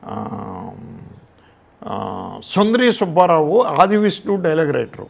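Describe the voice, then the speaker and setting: An older Telugu-accented man recalling his film career in an interview, with a gravelly, creaky voice that sits a little high. He tells stories and plays out the old exchanges. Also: very animated, slow pace. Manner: storytelling, acts out past conversations. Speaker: film director, interview guest. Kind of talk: reminiscing interview talk.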